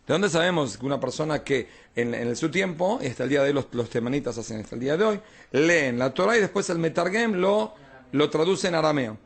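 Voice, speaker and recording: A man's voice: fairly high pitch, lively intonation, a little fast. A man, a rabbi, teaching an informal Talmud class, explaining texts and often checking that his students follow.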